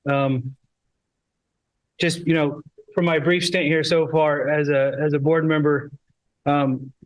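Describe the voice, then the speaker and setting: A man's voice: a little high, level tone, slow, rough recording. A man school board member giving casual, conversational congratulations at a meeting. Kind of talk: informal remarks at a board meeting.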